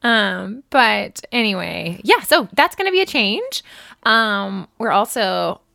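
A young woman co-hosts a casual podcast. She talks with a gravelly, creaky edge, rambles and laughs easily, and the sound is dry and close. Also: mid-range voice, very animated, takes it slowly, bright, forceful tone, no room sound. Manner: chatty, rambling, laughs often. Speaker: podcast co-host. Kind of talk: casual chat.

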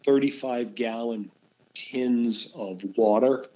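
An older man spins a long anecdote, circling back and restarting his sentences as he goes. His voice is mellow and warm. The recording sounds slightly dull. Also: mid-range voice, steady tone, slow. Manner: rambling, with many restarts and fillers. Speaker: interviewee. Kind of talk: casual storytelling.

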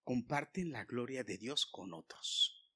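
A male pastor preaching a sermon, swinging from loud emphasis to hushed whispers and speaking straight to the congregation. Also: mid-range voice, lively intonation, slow, slightly rough. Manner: addresses the congregation directly, asking for amens.

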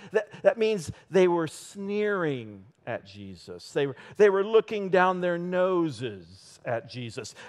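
Animated slow-preaching man. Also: high-pitched. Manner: animated, rhetorical questions, acts out short voices. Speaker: church elder preaching. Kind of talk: sermon. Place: church.

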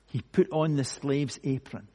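Slow husky preacher in a reverberant hall. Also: male voice, medium pitch, dark tone. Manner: slow, emphatic preaching with dramatic pauses. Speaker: pastor. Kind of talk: sermon.

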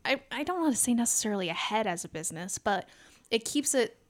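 A woman with a rather high voice, lively intonation and a fast pace talks casually yet earnestly on a podcast as a member and stage manager of a theater company, making her points with emphasis.

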